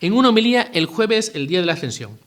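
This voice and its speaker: A man, giving a relaxed retreat talk as a priest, asking his listeners questions and adding asides. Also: high-pitched, fast. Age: 50s. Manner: conversational, asks listeners rhetorical questions, adds asides and jokes.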